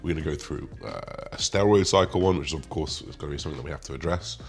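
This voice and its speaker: A man's voice: rumbling low, quick pace. A man with a slight lisp and slushy s sounds, hosting a video and explaining things casually to his viewers. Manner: lisp with slushy s sounds from new dental retainers. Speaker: host, men's physique bodybuilder.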